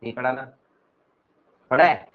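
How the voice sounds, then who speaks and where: A young man with a north Indian Hindi accent teaching an online class, teasing and scolding his students between explanations, swinging between loud and soft. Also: mid-range voice, measured pace, narrow, tinny audio. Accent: Hindi-speaking north Indian.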